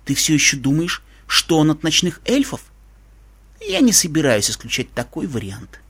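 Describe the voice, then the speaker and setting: A man's voice: a little high, wildly swooping pitch, normal speed, a bit bright, slightly rough, exaggerated voice. A man voicing a stern, suspicious human soldier who speaks curtly. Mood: skeptical.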